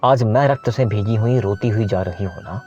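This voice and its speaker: A wronged, grieving queen laying a solemn, bitter curse, as a male storyteller speaks for her. The voice stays low and mellow. Faint music sits under a slightly dull recording. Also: moderate pace, natural voice. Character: wronged noble queen, adult woman, grieving and cursing.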